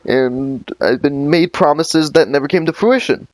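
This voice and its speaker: A podcast host chats casually with an interview guest, rambling loosely with plenty of fillers and restarts. His voice is fairly high-pitched and a little mellow, moving at a measured pace.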